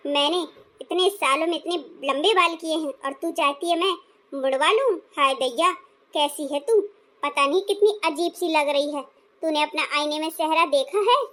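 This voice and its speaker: A woman's voice: high-pitched, normal speed, a bit bright. A woman voicing a nosy, teasing older woman neighbour in a cartoon. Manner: teasing, scolding.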